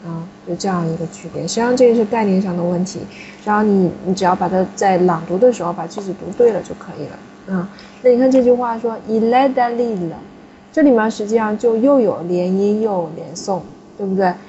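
A woman's voice: mid-range voice, quick pace, mellow, a little hiss or hum. Patient woman teaching in class, dull recording. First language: Chinese. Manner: patient, explanatory, frequent tag questions. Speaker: French teacher. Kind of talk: classroom lesson.

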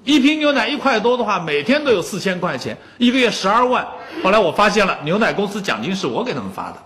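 A man's voice: high-pitched, big pitch swings, fast talker, a bit bright. A man in his fifties giving a public lecture on music, telling anecdotes and joking with the audience.

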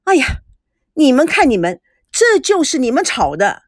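Woman reader doing a gossipy rich matron, chatty, exclaiming, swooping pitch. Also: very animated, moderate pace, no room sound, studio quality. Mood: excited.

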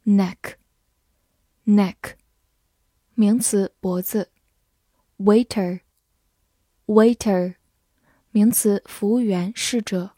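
A woman teaching English vocabulary, saying each word twice and then listing its meanings in a measured, drilling way. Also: medium pitch, fairly even intonation, dark tone, no echo, studio quality.

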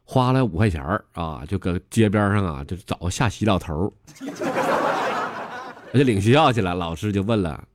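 A man's voice: low voice, lively intonation, normal speed, long pauses. A man with a Northeastern Mandarin accent hosting a comedy podcast, telling jokes in a rowdy, mock-lecturing way and laughing at his own punchlines. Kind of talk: comic storytelling in dialect.

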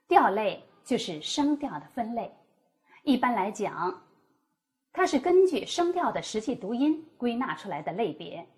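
A woman explaining Mandarin tones as a teacher, demonstrating each tone with exaggerated pitch. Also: a little mellow, a little hiss or hum. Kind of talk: scripted teaching dialogue.

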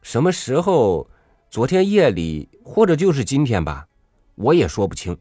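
A man's voice: medium pitch, huge pitch swings, moderate pace, warm tone, no echo, clean studio sound, soft background music, pitched above the performer's own voice. A man voicing an indifferent male hired laborer who gives curt, offhand answers in a storybook reading.

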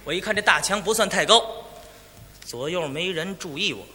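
A man performing a crosstalk comedy routine as lead, telling an animated story and acting out other people's voices. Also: sits high, normal speed, in a large hall. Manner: animated storytelling, acts out police and crowd voices.

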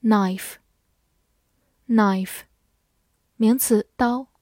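Woman English teacher, slow deliberate delivery, words repeated carefully, close dry sound. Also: medium pitch, steady tone, darkish tone, dry recording. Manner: says each English word slowly twice, then reads its meanings. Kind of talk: vocabulary lesson.

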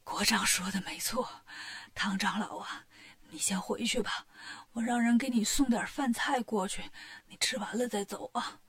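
A woman voicing a weak, gullible male king in a storybook, talking feebly in a breathy half-whisper. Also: mid-range voice, moderate pace, a bit bright, voice pushed down, natural voice. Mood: feeble.

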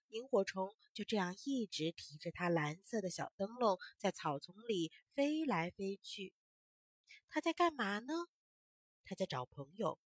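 A woman telling a children's bedtime story in a gentle, coaxing sing-song, asking the little listeners questions. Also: medium pitch, dry recording, clean studio sound.

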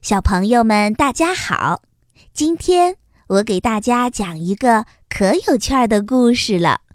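A woman narrating a children's story in a gentle, sing-song storybook manner. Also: fairly high pitch, expressive, measured pace, no echo, studio quality.

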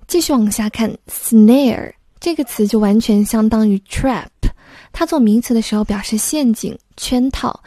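A woman's voice: on the high side, dark tone, no room sound, studio quality. A woman explaining English vocabulary word by word in a patient, step-by-step lesson. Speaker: English teacher.

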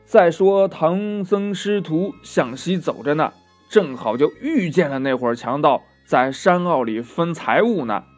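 Male children's storyteller, gentle, chatty asides, slow, faint music behind. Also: on the high side, animated.

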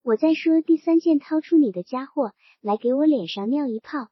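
A woman voicing a drunken, domineering middle-aged male landlord who talks in a gruff, mocking, bossy way, in a storybook reading. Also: sits high, animated, moderate pace, dry recording, muffled recording.

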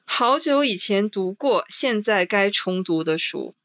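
A woman in a casual podcast chat about books, reading list items slowly and then commenting with sighing interjections. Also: mid-range voice, animated, dull audio, noisy background.

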